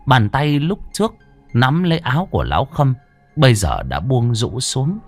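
A man's voice: mid-range voice, huge pitch swings, moderate pace, darkish tone, soft background music. A man narrating a ghost story with a dramatic, ominous delivery.

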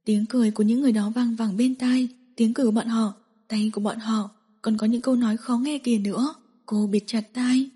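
A woman narrating a romance audiobook in a soft, even storytelling manner, with an echoey hall sound. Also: fairly high pitch, brisk, husky.

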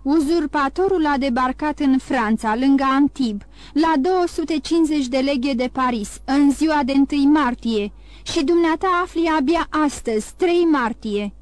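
A woman's voice: high-pitched, no room sound, natural voice. A woman voicing an aging king who is imperious and alarmed, firing commanding questions at his ministers. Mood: outraged.

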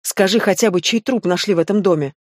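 A woman's voice: mid-range voice, quick pace, no room sound, clean studio sound, lightly acted. The audiobook reader voicing a sly, playful young female thief who teases, argues and pleads. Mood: pleading. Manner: teasing and coy, then pleading.

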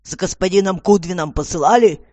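A gruff, stout commissar, put on by the storybook narrator, barking out orders in a loud, slow, grumbling voice. He is irritable and impatient, and the recording is dry and close. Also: mid-range voice, no echo, voice pushed up, natural voice. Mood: irritated.

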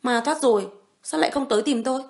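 A woman voicing a frightened, tearful young woman who pleads in a high, stammering voice and turns sharp-tongued. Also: fast, vocal fry. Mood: scolding.

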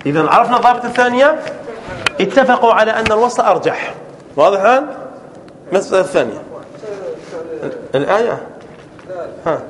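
A man, a sheikh teaching a classroom grammar lesson, quizzing his students and drawing out examples slowly. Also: high-pitched, expressive, a crowd in the background.

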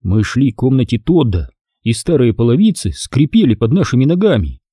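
A man narrates a storybook aloud in a lively, expressive reading. His voice is warm and dark, a little husky, and moves freely up and down. The sound is dry and close. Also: medium pitch, brisk, dry recording. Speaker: audiobook narrator.

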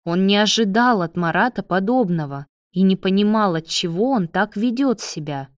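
A woman narrating an audiobook in an even, measured way. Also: mid-range voice, no room sound, clean studio sound.

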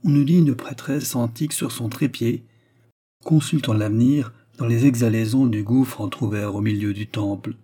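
A man reading a classic novel aloud as audiobook narration, in a measured literary manner. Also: medium pitch, dark tone.

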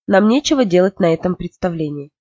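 A storyteller voicing a stern, angry middle-aged father who shouts and forbids, in a dull, dry recording. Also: medium pitch, moderate pace, no room sound, lightly acted.

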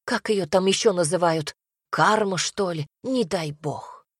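A woman's voice: lowish voice, unhurried, slightly rough, no echo. Fretful worried mom whispering and wailing, woman narrator doing her, dry close mic. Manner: fretful, lamenting, hushed. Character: worried fretful mother, soft and lamenting.

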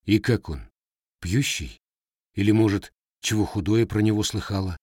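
Scarred young cossack guy read by a man, blunt, lowish husky voice. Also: normal speed, darkish tone, no echo, clean studio sound. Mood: guarded. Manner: plain, blunt village speech.

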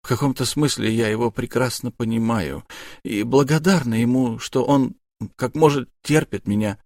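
A male narrator voicing a bruised young noblewoman who speaks softly, with a bitter, wistful edge. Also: medium pitch, moderate pace, no echo, clean studio sound, natural voice. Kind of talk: audiobook character voice.

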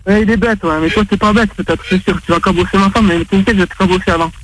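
A man's voice: high voice, fairly even intonation, fast. A man on a phone call, furious and hurling insults and threats. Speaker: prank call victim.

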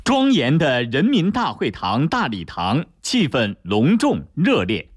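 A man's voice: mid-range voice, huge pitch swings, measured pace, husky, dry recording. A man with a standard mainland Mandarin accent giving formal, solemn, declamatory scripted news narration.

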